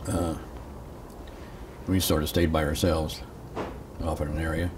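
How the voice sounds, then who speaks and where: An older man with a deep voice speaks as a veteran remembering his service. He goes haltingly, pausing between thoughts in an interview. The mic sits at a distance, with clear noise behind him. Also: level tone. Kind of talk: interview reminiscence.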